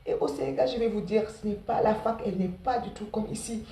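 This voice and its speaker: Fast-talking Senegalese woman in her forties. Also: mid-range voice, mellow, distant mic. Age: 40s. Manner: talks very fast, repeats words, many "voilà" fillers. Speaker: care assistant sharing her study path. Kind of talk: casual spoken testimony to students. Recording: roomy sound, from off the mic.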